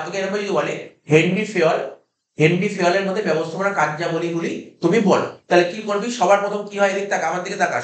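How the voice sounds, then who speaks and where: High-voiced Bengali teacher in an echoey room. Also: male voice, fairly bright tone. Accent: Kolkata Bengali. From India. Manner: drills students with repeated questions. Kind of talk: classroom lecture.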